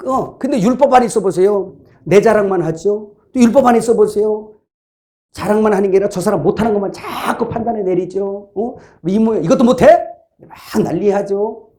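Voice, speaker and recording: A man's voice: sits high, brisk, warm tone. A man preaching a sermon as pastor in a conversational way, acting out quoted inner voices.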